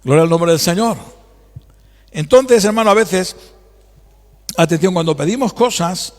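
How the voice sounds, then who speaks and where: A man preaches with dramatic emphasis. His voice sits high for a man, and his words ring out through a reverberant church hall with a long tail. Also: lively intonation, unhurried. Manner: emphatic, dramatic, acts out God's voice. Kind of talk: sermon.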